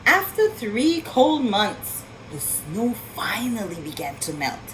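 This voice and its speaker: A woman reads a picture book to children in an expressive storytelling style, adding marvelling asides and questions for her young listeners. Her pitch is medium and she takes her time. The recording is rough, with slight background noise.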